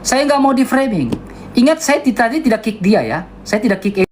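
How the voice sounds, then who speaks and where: A man with an eastern Indonesian accent delivering a heated livestream rant in a loud, high-toned, insistent way. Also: very animated, moderate pace. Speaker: debater on a livestream.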